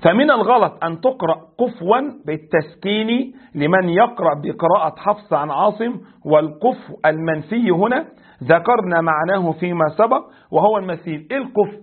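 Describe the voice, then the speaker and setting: A man with an Egyptian Arabic accent teaching a religious lesson as a sheikh. He explains slowly, recites verses and quizzes his class. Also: sits high, expressive, breathy edge, narrow, tinny audio. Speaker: sheikh teaching a creed text.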